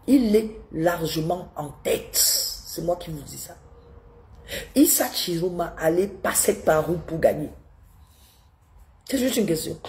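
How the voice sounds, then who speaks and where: Indignant and scolding, a political live streamer with a head cold rants at her viewers and keeps repeating rhetorical questions. She speaks slowly in a lowish, expressive, darkish voice, with long pauses.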